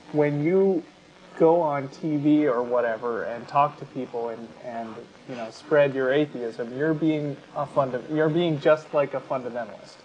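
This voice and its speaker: An American male talk show host makes an argument conversationally, often pausing mid-sentence. His voice is mid-range with a darkish tone, and the sound is lo-fi.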